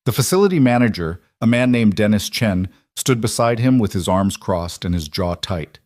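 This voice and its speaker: Man, story narrator, low voice, measured, dry close sound. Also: expressive, a little mellow, no room sound.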